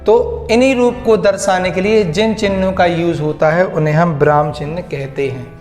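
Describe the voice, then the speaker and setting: A man explains a grammar lesson and keeps repeating key words back to his students as questions. His voice sits high, and it rings in a roomy, echoing space with faint music behind it. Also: steady tone, normal speed, a little mellow. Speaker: teacher. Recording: echoey room with faint music.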